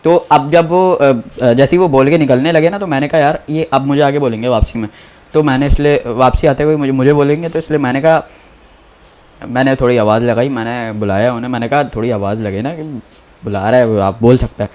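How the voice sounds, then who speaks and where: A man's voice: mid-range voice, a little fast, a little mellow. A young man telling a comic story about himself in a rambling, self-mocking way with many restarts. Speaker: comedian.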